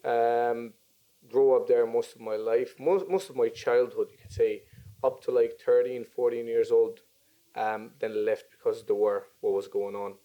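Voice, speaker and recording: A man in his twenties from Syria, chatting as a podcast guest and often pausing with ums and restarts. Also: mid-range voice, fairly even intonation, dull audio. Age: 20s. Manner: hesitant, many ums and restarts. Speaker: podcast guest, business owner. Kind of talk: casual interview chat.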